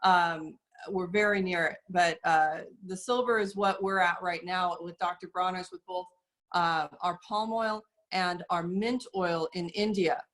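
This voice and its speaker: A woman speaking as an interview guest, explaining carefully and earnestly, with frequent pauses and fillers. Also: on the low side, fairly even intonation, a bit bright. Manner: measured, earnest, many fillers. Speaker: guest, soap company representative. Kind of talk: casual interview talk.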